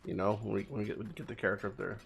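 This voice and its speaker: A man's voice: lowish voice, fairly even intonation, very fast, creaky, breathy edge. A man giving informal gameplay commentary as a streamer, swearing freely and repeating words for emphasis. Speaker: game streamer.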